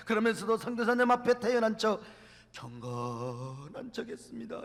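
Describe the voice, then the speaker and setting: A man voicing a male household cook who weeps and pleads for forgiveness. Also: very high-pitched. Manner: tearful, pleading. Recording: long church hall reverb.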